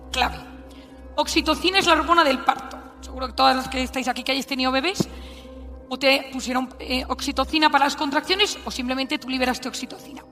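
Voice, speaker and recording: A woman in her forties with a Spanish accent, telling a story in a lively, animated way during a talk to an audience. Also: high-pitched. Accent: Spanish (Spain). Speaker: speaker giving a talk. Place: large hall with audience. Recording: hall reverb, faint music.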